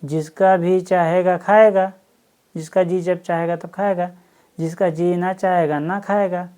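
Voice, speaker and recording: A blunt, dismissive village stepmother speaks in a low, slow, mellow voice, as a woman reads her out. She talks with curt finality. It is a plain storybook reading. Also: steady tone, natural voice.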